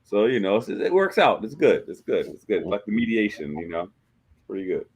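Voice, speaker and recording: A man in his forties, a host, telling stories in a joking, animated way during a casual chat. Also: lowish voice, moderate pace, slightly rough. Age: 40s.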